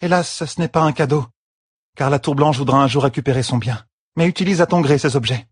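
Guy doing a high soft young noblewoman voice, gentle, a bit husky, storybook reading. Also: fairly quick, dry recording, studio quality, natural voice. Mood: tender. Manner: soft, pleading. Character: young noblewoman heir, pregnant, tender and tearful.

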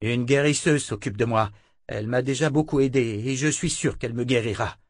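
A man's voice: medium pitch, a little fast, no echo, natural voice. A male narrator doing a defiant young swordsman, curt and blunt. His voice is a touch raised from the reader's own, read in a dry, close recording. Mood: curt, guarded.

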